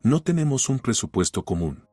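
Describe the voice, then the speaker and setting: A man voicing a young wife who holds back tears and keeps her voice quiet and measured, in an audiobook story reading. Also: medium pitch, very animated, breathy edge, dry recording, studio quality, faint music behind, voice pushed up. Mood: strained calm.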